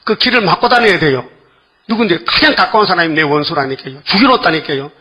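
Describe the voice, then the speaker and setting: A man's voice: on the high side, expressive, fast talker, sharp tone, breathy edge. An older man preaching a sermon to a congregation, firing rhetorical questions at his listeners over and over.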